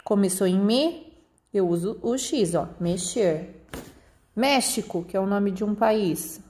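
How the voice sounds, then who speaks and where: A woman with a Brazilian accent teaching young pupils a remote lesson, patiently slowing down to spell out example words. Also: mid-range voice, animated, a little mellow. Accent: Brazilian Portuguese. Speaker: primary school teacher.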